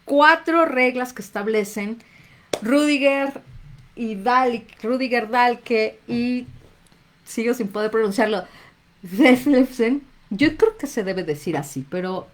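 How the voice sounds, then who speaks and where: A woman's voice: fairly high pitch, unhurried. A woman with a Mexican accent, a therapist talking to viewers on a live stream in a casual, conversational way and greeting them by name. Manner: conversational, reads out viewers' names, acts out little inner voices.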